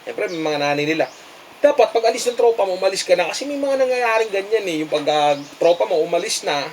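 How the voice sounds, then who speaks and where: Guy lecturing his viewers, kinda high voice, nagging and preachy, little hiss in the background. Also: lively intonation, fast talker, darkish tone. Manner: scolding, preachy, repeats "di ba?". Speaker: vlogger giving advice. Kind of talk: casual advice monologue.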